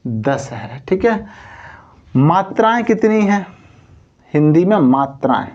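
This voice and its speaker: A man's voice: on the high side, sing-song, slow pace, a little mellow, muffled recording. A man teaching Hindi grammar in an exam coaching lesson. He asks and answers his own questions, keeps saying "theek hai", and stretches words out to show how long the vowels are.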